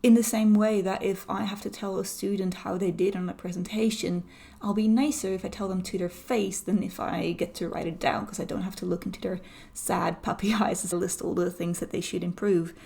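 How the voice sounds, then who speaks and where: A woman from the Netherlands, a researcher explaining studies in a lively, anecdotal conversational way with light humor. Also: mid-range voice, fairly quick, gravelly.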